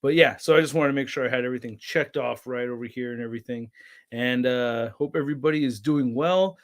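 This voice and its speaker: A young man hosting a casual toy channel livestream, rambling and reading chat names aloud with excitable bursts. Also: mid-range voice, quick pace. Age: young adult.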